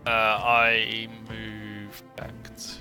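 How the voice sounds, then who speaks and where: A man sits in on a tabletop game and answers in brief, quiet lines. He talks slowly, with a somewhat low pitch and a bright tone. Faint music plays underneath. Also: completely flat delivery. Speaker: player. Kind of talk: casual tabletop game chat.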